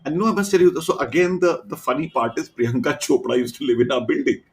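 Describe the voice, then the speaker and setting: A middle-aged man from India with an Indian accent, a podcast guest telling animated anecdotes full of quoted dialogue. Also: fairly high pitch, fast talker. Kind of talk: casual storytelling chat.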